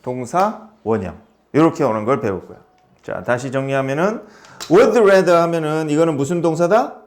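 A man leads an English grammar class in a small tutoring academy. His voice sits a little high and moves about a great deal as he explains each point. He keeps checking in with questions to the room. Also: lively intonation, moderate pace. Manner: explains step by step and quizzes students with questions. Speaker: English teacher.

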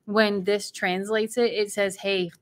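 A woman's voice: mid-range voice, lively intonation, fast talker, pushed and bright. A woman, chatting and teasing casually as a live stream co-host. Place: living room at home.

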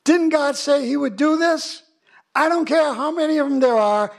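A pastor acting out a bold male Israelite scout who urgently pushes his people to fight, his voice rising to a shout. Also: very high voice, moderate pace, gravelly, pitched above the performer's own voice. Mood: exasperated.

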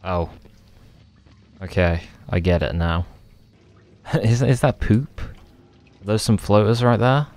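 A man cracking sarcastic jokes as he plays a horror game. His voice sits fairly low, with a casual, joking delivery. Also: slow, long pauses, a little mellow. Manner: sarcastic, jokey. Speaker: gaming commentator. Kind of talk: casual gameplay commentary.

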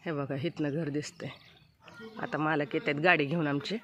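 A woman's voice: low-pitched, little pitch movement, moderate pace, highs cut off, slight background noise. A middle-aged woman narrating a casual village vlog outdoors, chatty and pointing things out to viewers. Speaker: vlogger. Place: outdoors around a village home and farm. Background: birds and outdoor ambience.

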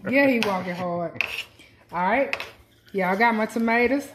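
This woman talks at a normal speed in a mid-range voice, making casual conversation with her viewers as she cooks. She films herself in her home kitchen on a phone held in one hand, and the room is noisy with a sizzling pan.

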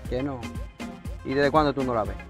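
A man's voice: medium pitch, brisk. A man acting in a comedy sketch, chatty and flirty, with faint music underneath.

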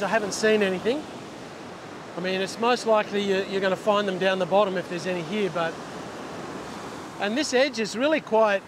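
A middle-aged man with a high voice hosts a fishing channel, casually explaining things as he fishes on an open ocean beach. His style is chatty and instructional, with restarted sentences, recorded through a clip-on lapel mic. Loud surf and wind fill the background.

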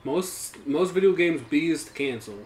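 A man's voice: a little high, normal speed. A young man chatting casually and teasing his friend with blunt comments while the friend plays a game. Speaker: gaming channel co-host. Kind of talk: casual let's-play chat. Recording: roomy room with steady background noise.

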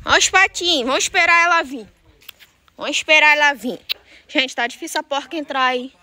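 Bright high-voiced lady vlogging outside on a farm, chatty, calling the animals over and over, phone mic. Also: fairly quick. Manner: chatty, coaxing animals with repeated calls. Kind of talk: casual farm vlog. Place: outdoors on a farm.

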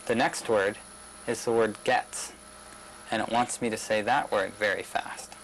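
A young man narrating a demonstration video in a measured, plain explanatory way. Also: lowish voice, fairly even intonation, creaky, fairly bright tone, a little hiss or hum, poor audio. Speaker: researcher demonstrating a system. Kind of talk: scripted narration of a demo video.

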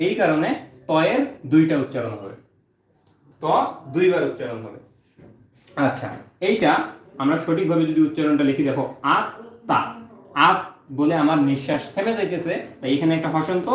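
A male teacher, giving an exam-prep lesson and explaining step by step, saying each point twice. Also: fairly high pitch. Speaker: Bangla teacher. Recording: roomy, dull lo-fi sound.

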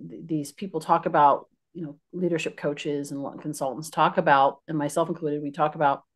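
A middle-aged woman hosting a podcast, asking a guest a thoughtful, halting question over a video call from her home office. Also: sits low, darkish tone. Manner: thoughtful, halting, restarts phrases. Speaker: podcast host. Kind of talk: interview question.

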